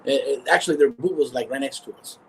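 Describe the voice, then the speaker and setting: A man, the founder of a cigar company, telling stories in a relaxed live interview, animated and often restarting his phrases. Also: medium pitch, fast, slight background noise, poor audio. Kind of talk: casual storytelling in a live interview.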